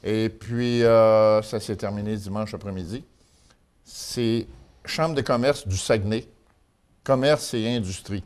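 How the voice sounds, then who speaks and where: Low-voiced Quebec man, folksy local columnist. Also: a little slow, darkish tone. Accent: Quebec French. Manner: folksy, colloquial. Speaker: local news and gossip columnist. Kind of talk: informal spoken local chronicle in conversation.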